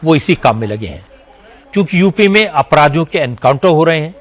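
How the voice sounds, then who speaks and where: News anchor, male, slightly high voice, formal measured read. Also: very animated. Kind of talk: scripted news narration.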